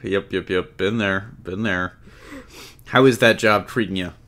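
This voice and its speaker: Speaking at a measured pace in a low, slightly bright voice, this man co-hosts a laid-back podcast on comic-book movie news, trading jokes and banter with the others.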